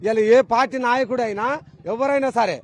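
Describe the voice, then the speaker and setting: A man's voice: very high voice, fairly quick, no echo. A man with a Telangana Telugu accent, speaking in a news interview in a heated, rhetorical way with repeated phrases.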